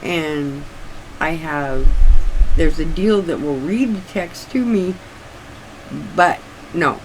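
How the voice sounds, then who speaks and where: Older woman, slow, stiff-jawed speech. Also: low-pitched, a little hiss or hum, rough recording. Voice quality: slightly stiff, restricted articulation from not opening the mouth wide, like a sore jaw. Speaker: craft vlogger. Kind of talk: casual rambling chat.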